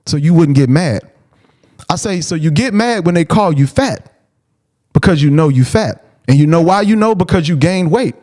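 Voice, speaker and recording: High-voiced man telling a blunt story. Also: normal speed. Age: adult, father of a preteen. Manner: animated, blunt, repeats phrases, quotes himself. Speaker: host telling a personal story. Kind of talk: casual storytelling.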